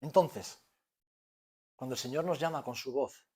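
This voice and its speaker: A middle-aged man with a Spanish accent preaching a sermon to his congregation, swinging between loud emphasis and soft hushed moments and tossing out rhetorical questions. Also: medium pitch, unhurried, slightly rough. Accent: Spain. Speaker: pastor. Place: church hall.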